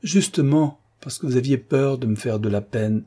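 A gentle, motherly young nurse speaking with slow, soft care, as a male reader gives her voice. The tone is mellow and a little husky, kept low and quiet. It is a storybook figure from a classic novel. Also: close to an everyday voice. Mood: emotional. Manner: soft, gentle, caring questions.

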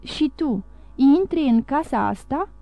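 A woman's voice: high-pitched, lively intonation, vocal fry, warm tone, no room sound. A woman reading the part of a greedy, envious older man in an audiobook, eager and wheedling.

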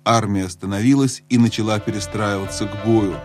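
A man reads a children's fantasy story in a measured, storytelling voice that sits on the low side. In the tense moments he drops lower and quieter, almost hushed. Faint music plays underneath. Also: fairly even intonation. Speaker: audiobook narrator. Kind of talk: scripted storybook narration.

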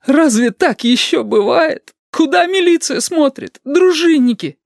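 A man's voice: takes it slowly, warm tone, dry recording, clean studio sound. A man doing a sobbing timid young student. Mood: tearful. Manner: high, shaky, pleading. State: crying, sobbing. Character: frightened young male student, tearful and timid.

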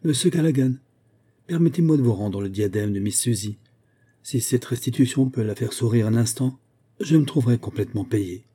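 A man reading a storybook voices a suave, ironic gentleman thief who is coolly polite and menacing. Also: mid-range voice, moderate pace, slightly rough, close to an everyday voice. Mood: ironic menace.

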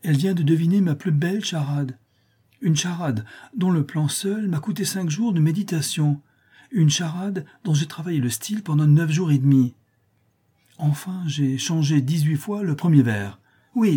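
A man's voice: on the high side, normal speed, dark tone, breathy edge. A man voicing a vain, pompous older count who admires his own verses. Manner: pompous, self-admiring, emphatic.

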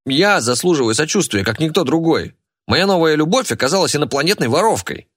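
A man's voice: a little high, very animated, fairly quick, a bit bright, voice pushed up. Man doing a whiny dramatic uncle. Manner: whiny, theatrical. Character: self-pitying adult uncle, dramatic and whiny.

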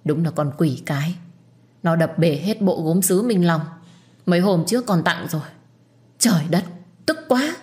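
A woman voicing a sharp-tongued, scornful middle-aged mother-in-law who scolds with shrill insults. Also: expressive, moderate pace, long pauses, close to an everyday voice. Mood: furious.

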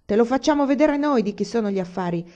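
A woman's voice: fairly high pitch, expressive, fast talker, voice pushed up, natural voice. A woman voicing a hungry, hot-headed townsman who speaks in a heated, raised voice, in an audiobook reading. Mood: angry. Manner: shouting, heated. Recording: dull lo-fi recording.

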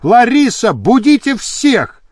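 Male narrator playing a menacing detective, gruff and commanding, dry close sound. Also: on the high side, lively intonation, unhurried, dry recording. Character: stocky red-haired detective, grim and threatening.

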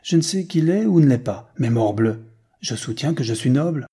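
A frank, earnest American suitor with a mellow, slightly husky voice, read by a man. He speaks plainly and insistently, in an audiobook reading. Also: mid-range voice, animated, normal speed. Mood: indignant. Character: rich American man seeking a bride.

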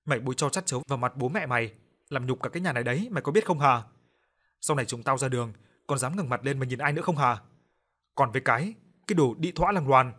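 A man voicing a furious, harsh middle-aged father who shouts, curses and threatens. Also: medium pitch, quick pace, close to an everyday voice. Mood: furious shouting.

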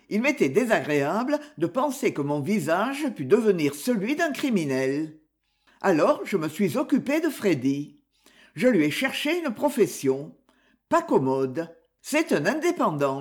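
A reader voicing a confident young gentleman detective, explaining his reasoning in a measured, storytelling way in an audiobook. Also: medium pitch. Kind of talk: audiobook character reading.

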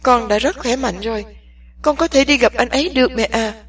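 A determined young woman insists on her way, firm and deliberate, her voice raised and slightly husky, as a female narrator puts her on. The recording sits at a distance from the mic, so she sounds a little far away. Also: on the high side. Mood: resolute. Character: young woman, impatient, intensely resolute.

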